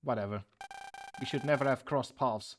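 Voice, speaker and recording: A man's voice: mid-range voice, normal speed, noisy background, voice pushed down, close to an everyday voice. A man voicing an aloof, cold-hearted boy rival from a video game, speaking in a curt, dismissive way. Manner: curt, dismissive, flat delivery.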